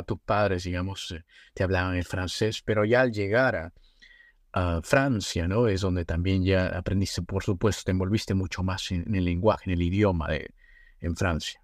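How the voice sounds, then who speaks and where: A man's voice: fairly low pitch, dry recording, clean studio sound. A man hosting a podcast interview, rambling and rephrasing, often tagging on "¿no?". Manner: rambling, rephrasing, tag questions like "¿no?". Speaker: podcast host. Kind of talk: casual interview conversation.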